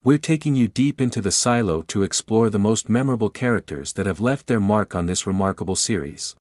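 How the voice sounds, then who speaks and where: A man delivers scripted narration as a video host. His voice sits fairly low, and the sound is dry, with little room around it. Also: lively intonation, a little fast, darkish tone, no echo.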